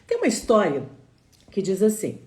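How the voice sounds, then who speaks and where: A woman's voice: mid-range voice, wildly swooping pitch, moderate pace, mellow. A woman giving a live online motivational talk in a conversational way, often checking in with a tag question, recorded in an echoey room. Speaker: motivational speaker.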